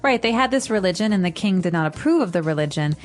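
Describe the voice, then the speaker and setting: A woman co-hosting an English-learning podcast, explaining vocabulary slowly and clearly like a teacher. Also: medium pitch, expressive, soft background music. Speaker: podcast co-host.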